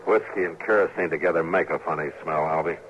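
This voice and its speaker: A man with an American accent playing a stern, patient frontier marshal in an old-time radio drama, speaking in terse, measured, commanding lines. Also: extremely low pitch, steady tone, lo-fi sound. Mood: grave, matter-of-fact. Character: stern, steady western US marshal, grave and patient. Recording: noisy vintage radio recording.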